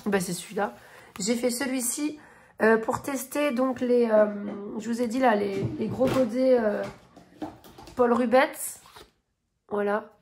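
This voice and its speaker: A woman's voice: on the high side, unhurried, pauses often, a little mellow, a little hiss or hum. A woman in her thirties chatting casually in a coloring vlog, gushing and rambling with many fillers and restarts. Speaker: coloring vlogger. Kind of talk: casual chat showing coloring books and finished pages.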